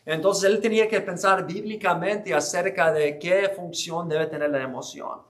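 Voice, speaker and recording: A man's voice: high-pitched, normal speed. A man giving an earnest church history lecture, explaining with frequent restarts and hesitations.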